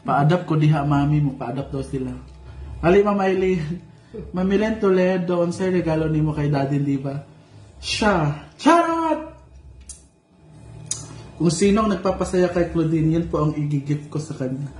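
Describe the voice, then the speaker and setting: A man's voice: fairly high pitch, fairly quick, a little mellow. A man hosting a casual livestream, reading out viewer comments with playful, teasing jokes. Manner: playful and teasing, joking asides. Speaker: vlogger reading live comments. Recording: echoey room with faint noise.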